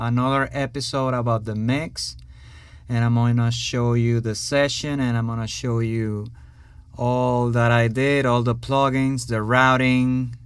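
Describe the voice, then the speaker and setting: A man hosting a home recording tutorial, talking casually with many pauses and fillers. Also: medium pitch, smooth, no echo. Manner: relaxed, hesitant, many fillers. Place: home studio.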